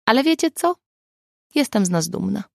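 A woman's voice: mid-range voice, big pitch swings, normal speed, creaky, no echo, studio quality, voice pushed up, heavily acted. A woman reading the lines of an eager, chatty woman friend in an audiobook.

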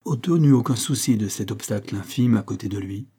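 A man reads a novel aloud in steady audiobook narration. His voice sits low and sounds dark and mellow. There is a husky edge to his tone. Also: fairly quick. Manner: steady storytelling, raising voice for dialogue. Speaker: audiobook reader. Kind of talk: scripted narration.

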